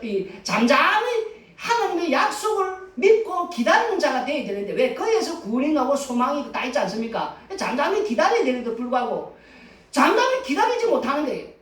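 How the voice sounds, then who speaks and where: A woman pastor preaching a Sunday sermon, animated and laughing often as she acts out everyday voices. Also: high voice. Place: church sanctuary. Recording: roomy echo from a distant mic.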